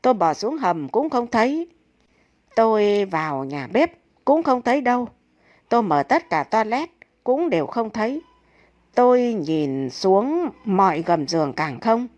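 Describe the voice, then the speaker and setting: A woman's voice: medium pitch, very animated, a little slow, a little mellow, muffled recording. A woman voicing an aggrieved dead wife who recounts her story dramatically.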